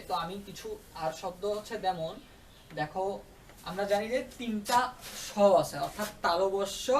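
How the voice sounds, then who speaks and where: Recorded on a distant mic with roomy echo and slight background noise, a man with a high-sitting voice teaches grammar. He keeps checking understanding, often pausing to ask if his students are following.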